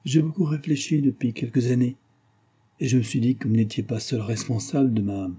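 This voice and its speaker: A man's voice: mid-range voice, steady tone, fairly quick, warm tone, slightly rough, lightly acted. A man reading a pleading remorseful wife.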